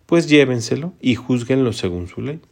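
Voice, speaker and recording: A man's voice: mid-range voice, lively intonation, moderate pace, gravelly, a little mellow. Pilate, a man reading as a stern Roman governor.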